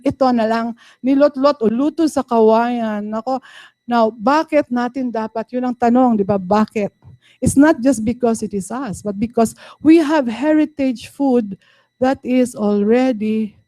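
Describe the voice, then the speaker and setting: A Filipino-accented woman gives a university lecture, walking through each point patiently and checking that the class follows. Her voice is mellow and darkish. The recording is close and dry. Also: medium pitch, dry recording. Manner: code-switching, explaining patiently with frequent "no?" and "okay?". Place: lecture room.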